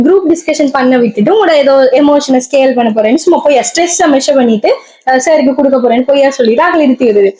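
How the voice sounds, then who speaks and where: A woman's voice: high-pitched, dark tone. A woman telling a story in casual chat as a podcast co-host, laughing often.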